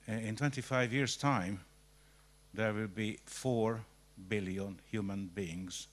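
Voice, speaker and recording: An older man gives a formal self-introduction to a panel, his voice sitting fairly low. He speaks in a measured way and sometimes restarts his phrases. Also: a bit bright. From Hungary. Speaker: panel member.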